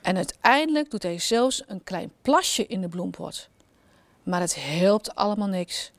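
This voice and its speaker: Woman, children's storyteller, gentle expressive reading, dry close sound. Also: medium pitch, a little slow, dry recording. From Netherlands.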